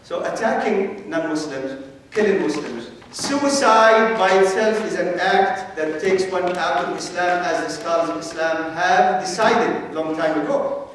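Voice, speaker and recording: A man from Palestine giving an earnest religious lecture as a guest scholar, explaining step by step with frequent pauses. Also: high voice, a bit bright, slight background noise. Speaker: Islamic scholar, guest speaker. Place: large mosque hall. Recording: very echoey hall, voice from a distance.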